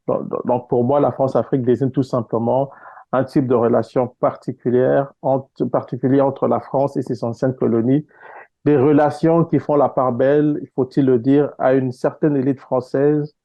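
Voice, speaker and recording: A Congolese-born man answering interview questions in a measured, explanatory way with frequent hesitations, speaking over an online call. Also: medium pitch, no echo, muffled recording. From Congo (DRC). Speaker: guest author.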